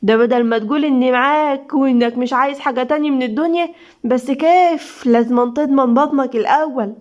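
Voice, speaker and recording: A woman's voice: sits high, brisk, a little mellow, lightly acted. Woman doing a sulky childlike Egyptian wife. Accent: Egyptian Arabic. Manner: sulky, whiny. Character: young wife, moody and childlike.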